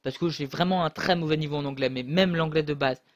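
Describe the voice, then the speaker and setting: Man gamer, slightly high voice, rambling casual commentary with lots of fillers, close mic. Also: fast talker. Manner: rambling, hesitant, many fillers and restarts. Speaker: gamer commentating his own match. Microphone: close desk mic.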